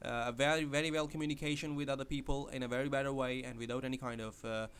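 Fast-talking and steady, a man with a mid-range, fairly bright, smooth voice hosts a podcast. English isn't his first language, and his casual advice comes out hesitantly, with many fillers and restarts.

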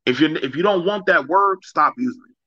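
Blunt bright-voiced man, lo-fi dry mic. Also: a little high, brisk, no room sound. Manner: blunt and animated, drops into voices when quoting people. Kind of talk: casual podcast chat.

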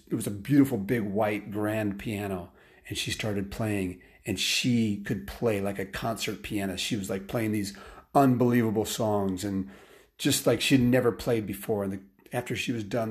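A man telling a story aloud in a casual, rambling way, full of restarts and fillers, and getting lively at the exciting parts. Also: lowish voice. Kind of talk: improvised bedtime-style story told aloud.

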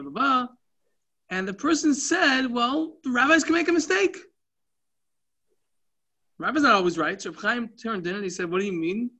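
A man's voice: sits high, sharp tone. A man teaching a casual Talmud class, telling stories and explaining the text in a loose, conversational way with Yiddish and Hebrew terms mixed in.

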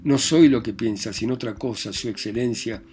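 A man voicing a humiliated gentleman who pleads and grovels to be believed. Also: fairly low pitch, moderate pace, lightly acted. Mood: pleading. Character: pleading, humiliated middle-aged man caught under a bed.

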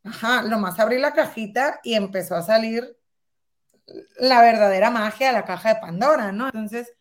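A woman in her thirties telling a personal story as a guest in conversation, lively and acting out past dialogue. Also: a little high, moderate pace. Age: 30s.

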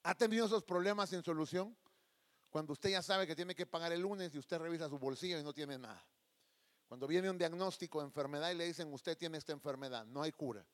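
A man's voice: a little high, fairly quick. A man preaching a sermon, telling a personal story and acting out the people in it. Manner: emotive, addresses listeners as beloved brother, acts out quoted voices.

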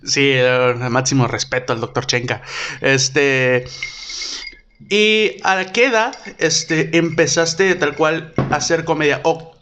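A man with a Mexican accent hosting a relaxed, slangy interview and laughing often. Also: fairly high pitch, slow, clear, resonant tone. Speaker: interviewer and comedian. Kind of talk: casual interview chat.

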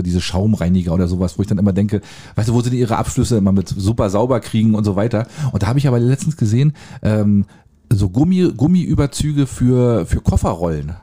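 A man co-hosting a podcast, chatting fast with a warm, darker tone. He rambles, throws in ironic jokes and keeps asking for agreement. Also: lowish voice. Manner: ironic, rambling with tag questions. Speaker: podcast co-host. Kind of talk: casual chat.

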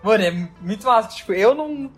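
A man's voice: sits high, expressive, quick pace, soft background music. A man with a Brazilian Portuguese accent telling a travel story in casual chat, loose and slangy, full of fillers.

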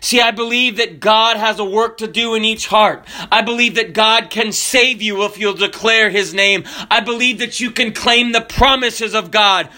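A man born in Kenya preaching a sermon, fervent, building to near shouts and then dropping low and soft. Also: fairly even intonation, normal speed, hardly any pauses.

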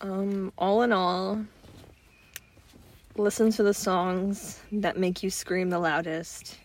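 A woman's voice: mid-range voice, little pitch movement, takes it slowly. A young woman co-hosting a podcast, telling stories in a rambling, dry, casual way. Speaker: podcast co-host. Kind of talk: casual chat.

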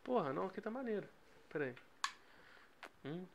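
A man's voice: high voice, big pitch swings, brisk, vocal fry, lo-fi sound, a little hiss or hum. A Brazilian man chatting casually as a podcast guest, slangy and swearing freely.

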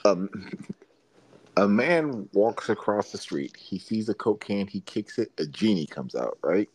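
Low-voiced man telling a joke. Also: animated, unhurried, a little mellow, slightly rough. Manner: plain step-by-step storyteller, adds "right?". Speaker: podcast co-host.

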